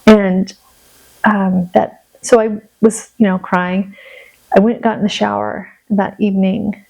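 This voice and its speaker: Gravelly, dark-voiced woman telling a story. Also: mid-range voice, a little slow, low-quality recording. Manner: animated storytelling, acts out her own prayers. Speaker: podcast guest. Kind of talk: casual faith conversation.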